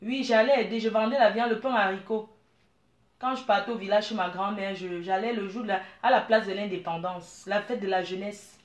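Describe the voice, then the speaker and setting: A middle-aged woman from Cameroon, giving blunt, animated advice and calling her listeners dear. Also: mid-range voice, brisk, roomy sound. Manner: blunt, animated, calls listeners "maman" and "ma chérie". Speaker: business owner. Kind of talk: frank advice monologue.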